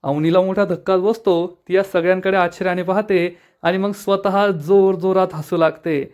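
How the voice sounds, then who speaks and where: A man narrating an episode recap, telling the story steadily and quoting each character's lines in turn. His voice sits somewhat high for a man. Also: level tone, normal speed, a little mellow, clear, resonant tone.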